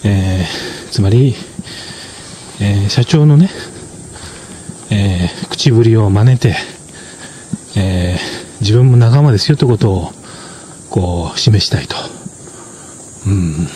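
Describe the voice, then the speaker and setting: Mellow-voiced man explaining at an unhurried pace. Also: fairly low pitch, animated, a little hiss or hum. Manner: measured, many fillers and tag particles. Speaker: drama reviewer. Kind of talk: casual explanatory commentary.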